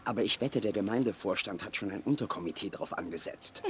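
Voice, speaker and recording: A man's voice: on the low side, quick pace, a little hiss or hum, lightly acted. An actor playing a bitter, sarcastic male scientist who feels rejected. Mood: sulky. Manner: sulky, sarcastic.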